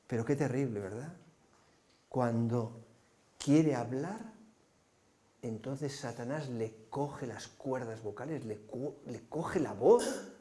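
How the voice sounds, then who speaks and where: A man's voice: medium pitch, slow, warm tone. A man preaching a sermon, painting vivid scenes and asking his listeners rhetorical questions. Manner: vivid storyteller, asks the congregation rhetorical questions.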